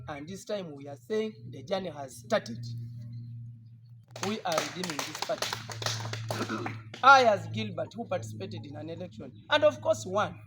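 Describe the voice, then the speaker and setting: A man's voice: sits high, noisy background. A man with a Ugandan English accent, a party politician giving an emphatic, defiant press statement with repeated rallying lines.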